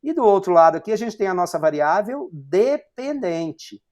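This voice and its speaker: A man's voice: sits high, big pitch swings, normal speed, darkish tone. A man in his forties from Brazil giving an online university lecture, explaining step by step with frequent fillers and rhetorical questions. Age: 40s.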